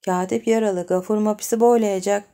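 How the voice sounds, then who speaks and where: A woman's voice: mid-range voice, fairly even intonation, fairly quick, mellow, natural voice. A woman voicing a coarse, uneducated rich man who is cheerful, a little drunk and mangles his words. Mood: matter-of-fact. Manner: crude, clumsy speech full of mispronounced words.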